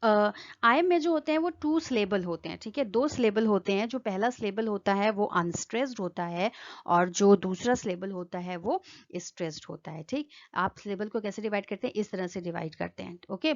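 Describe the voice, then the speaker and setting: A woman's voice: medium pitch, highs cut off. A woman teaching an exam-prep lesson, explaining step by step and often checking in with her listeners. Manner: explanatory, repeats "ठीक है" often. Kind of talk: exam-prep lecture in Hindi-English mix.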